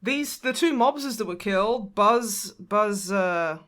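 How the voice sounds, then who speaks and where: A woman co-hosting a podcast, recapping a film in an animated, sweary, emotional way. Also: medium pitch, slow pace. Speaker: podcast co-host. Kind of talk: casual chat.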